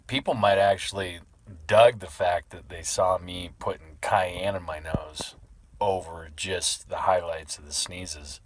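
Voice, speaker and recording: A man's voice: low-pitched, no echo. A man talking casually in a rambling vlog style, sneezing between remarks. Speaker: video creator.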